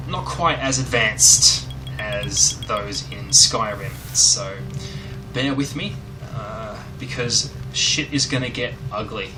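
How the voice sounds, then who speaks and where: A man hosting a retro game show with casual, irreverent, joking commentary. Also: on the low side. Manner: wry, irreverent. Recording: slightly distant mic, music behind.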